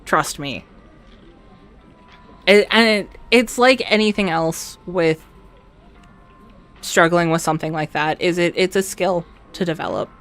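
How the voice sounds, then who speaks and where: A woman's voice: on the low side, unhurried, pauses often, a bit bright, faint music behind. Chatty woman streamer talking through gameplay. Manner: chatty, rambling with restarts and laughs. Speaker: let's play streamer. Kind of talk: casual gameplay commentary.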